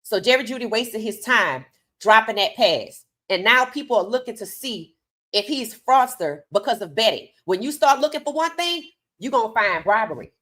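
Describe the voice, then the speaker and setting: A woman's voice: fairly high pitch, animated, moderate pace, fairly bright tone. A woman delivering opinionated sports commentary straight to her audience, emphatic, with rhetorical questions and repeated phrases.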